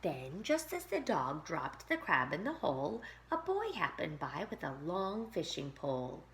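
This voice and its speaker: Slow, sing-song woman reading a rhyming story. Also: on the low side, huge pitch swings, a bit bright, slight background noise. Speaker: pre-K teacher. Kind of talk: reading a picture book aloud to children.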